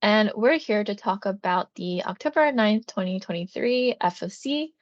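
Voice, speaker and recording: A woman's voice: medium pitch, expressive, normal speed, no echo, dull audio. A woman co-hosting a casual video chat, talking loosely with many fillers. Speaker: co-host, comics sales.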